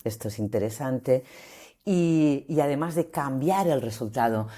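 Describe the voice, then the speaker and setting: Lady voice coach, super low dark voice, acts out little examples while she explains. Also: measured pace. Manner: expressive, acts out example phrases. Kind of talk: interview guest explaining.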